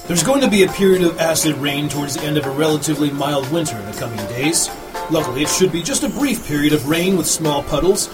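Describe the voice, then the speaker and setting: Matter-of-fact wasteland weatherman, played by a man, smooth steady read, somewhat high, music underneath. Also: close to an everyday voice. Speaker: weather reporter. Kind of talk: comedic audio drama, scripted forecast.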